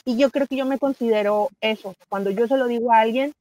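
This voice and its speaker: A middle-aged woman with a Mexican accent, talking as a guest in a casual conversation, animated and chatty, often pausing on fillers and correcting herself. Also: fairly high pitch, poor audio. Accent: Mexican Spanish.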